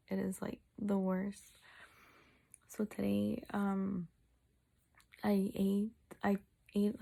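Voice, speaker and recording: A tired woman chatting casually in a personal vlog, halting and sore-mouthed as she recovers from wisdom teeth removal. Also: mid-range voice, vocal fry, dark tone. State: sore mouth, recovering two days after wisdom tooth surgery. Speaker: vlogger.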